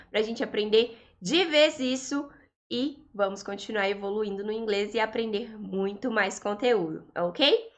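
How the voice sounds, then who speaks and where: A woman's voice: on the high side, a bit bright. A woman from Brazil with a Brazilian Portuguese accent, teaching English in an online lesson and patiently explaining grammar. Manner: slow, patient explaining, stretching out English examples.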